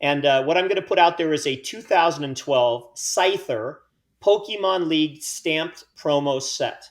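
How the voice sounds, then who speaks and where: A man hosting a podcast in a loose, chatty way, full of teasing and self-mockery. His voice sits a little higher than most men's. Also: a little slow. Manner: joking, self-mocking banter. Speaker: podcast host. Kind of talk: casual podcast chat.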